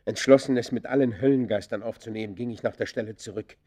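Defiant and intense, a male actor whose voice sits on the low side, close to everyday speech, confesses as a brooding murderer. He uses a deliberate, literary German radio play style, moving between hushed and vehement delivery.

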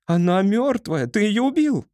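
A man voicing an excitable young female squirrel who tattles, in a shrill, indignant voice for an audiobook. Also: fairly quick, no echo, studio quality. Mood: shrill outrage. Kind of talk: audiobook character voice.

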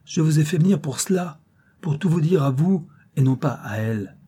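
A man reading the part of a dying man who speaks gruffly and forcefully, louder and higher than his narration. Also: animated, moderate pace. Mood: bitter.

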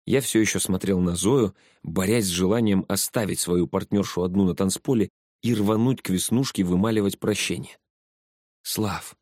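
A male narrator reading a first-person story in an even, steady way. His voice is low and a bit husky. The recording is close and dry. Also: normal speed, no room sound. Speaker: audiobook narrator.

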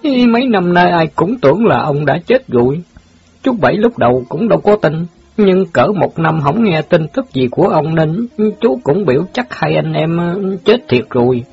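A woman's voice: sits low, very animated, moderate pace, vocal fry, darkish tone, breathy edge, highs cut off, faint music behind, voice pushed down, exaggerated voice. A woman voicing a jittery young man who is terrified of ghosts, talking in a stammering, pleading way. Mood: rambling.

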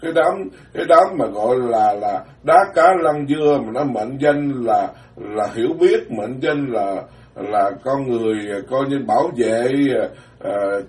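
A man, a Buddhist monk giving a dharma talk in a blunt, plain-spoken way, alternating quick asides with slow, weighty phrases. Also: medium pitch, lively intonation, a little mellow. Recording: roomy, distant mic.

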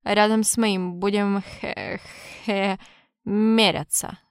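A woman's voice: medium pitch, fairly even intonation, slow pace, clear, resonant tone, no echo, studio quality. A woman voicing a possessed young female elf whose voice swings between wailing, drunken slurring and cold threats.

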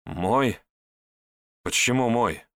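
A blunt, scornful hero, as a male reader puts him on for an audiobook, mocking and plain-spoken in a fairly low voice. The recording is dry and close. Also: lively intonation, normal speed, fairly bright tone, no echo. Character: sardonic, blunt young male hero with a sharp tongue.

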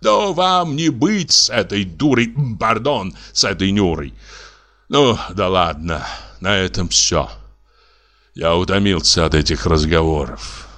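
Man, audiobook reading, theatrical, prophetic, low-pitched. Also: lively intonation, a bit bright. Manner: slow, prophetic, theatrical delivery.

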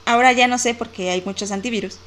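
A woman's voice: fairly high pitch, fast, a bit bright, a little hiss or hum. A young woman hosting a casual online show, chatting and giggling to her viewers with a lot of "este" filler. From Mexico. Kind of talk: casual live-stream chat.

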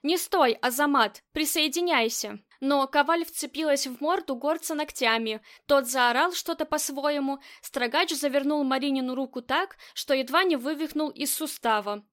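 High-voiced woman narrating an audiobook. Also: moderate pace, hardly any pauses.

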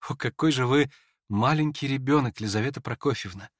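A man voicing a meek, guileless young prince who speaks in a gentle, earnest, mildly pleading way in a dramatized audiobook. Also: medium pitch, fairly quick, no room sound, studio quality, close to an everyday voice. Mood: gently reproachful.

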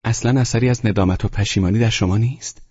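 A man voicing a guarded, wry young woman with a husky, raised voice in a dull, lo-fi audiobook recording. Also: on the low side, a little mellow, pitched above the performer's own voice.

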